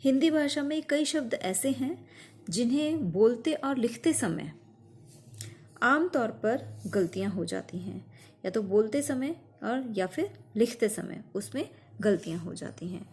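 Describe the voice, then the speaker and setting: A woman teacher, patiently explaining grammar to children with slow, emphatic examples. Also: fairly high pitch, animated, darkish tone, husky.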